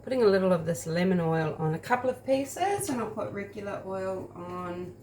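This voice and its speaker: A woman's voice: mid-range voice, expressive, normal speed, background noise. A woman chatting casually through a home baking taste test, rambling and talking while she eats.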